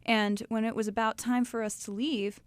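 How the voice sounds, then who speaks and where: A woman's voice: fairly high pitch, normal speed, clear, resonant tone, no echo. Chatty young woman telling a story. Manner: lively, chatty storytelling with acted quotes. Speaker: speaker telling her testimony. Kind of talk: storytelling testimony to a live audience.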